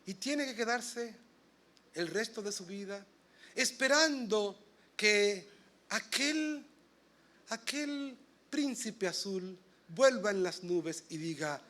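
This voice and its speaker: Pastor guy preaching, high bright voice, goes from quiet to loud bursts, asks the church questions. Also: slow pace, pauses often. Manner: animated preaching, swings between soft asides and loud emphatic bursts; addresses the congregation directly with questions. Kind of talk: sermon. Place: church sanctuary.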